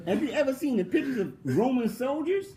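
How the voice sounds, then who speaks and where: Speaking in a very high voice over a very noisy recording, a male philosophy professor chats with an interviewer. He throws out mocking rhetorical questions, laughs a lot and says key points more than once for stress.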